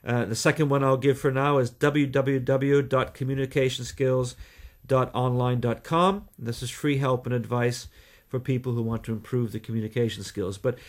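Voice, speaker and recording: A Canadian man talking as a guest in a radio interview, explaining things in a measured way with deliberate pauses. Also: medium pitch, fairly even intonation. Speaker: guest, communication trainer.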